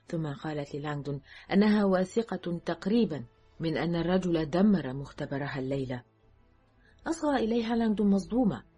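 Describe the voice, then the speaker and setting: A woman narrating an audiobook in a measured, steady storytelling manner. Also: deep voice, husky.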